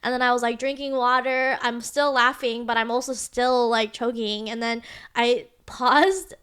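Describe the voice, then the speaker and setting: A woman's voice: a little high, steady tone, measured pace, fairly bright tone, smooth. A young woman co-hosting a podcast, telling a long story in casual chat, full of fillers. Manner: rambling storytelling, many fillers. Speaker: podcast co-host.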